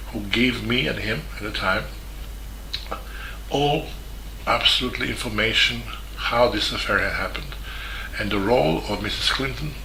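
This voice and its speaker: Serbian-accented male journalist, lowish pitch, very bright, halting delivery with many pauses; echoey room, faint ambience. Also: vocal fry, a little hiss or hum. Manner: halting, with many fillers and restarts. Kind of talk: spoken statement.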